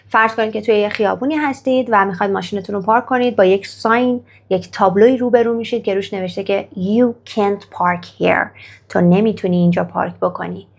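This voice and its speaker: A woman teaching English grammar in Persian, who reads English example sentences slowly and carefully and praises the viewer after each exercise. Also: mid-range voice, creaky. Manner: slow, careful model sentences in English, then Persian explanation.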